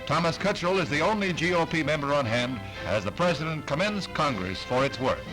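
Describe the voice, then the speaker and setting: Old newsreel narrator, man, brisk and formal. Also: on the high side, expressive, rough recording. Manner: brisk formal announcer delivery. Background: music under the narration.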